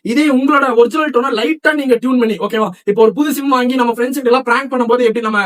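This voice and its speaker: A man from Tamil Nadu who runs a shop, chatting rapidly through a product demo and sales pitch and often checking with viewers. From Tamil Nadu, India. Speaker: shop seller presenting products.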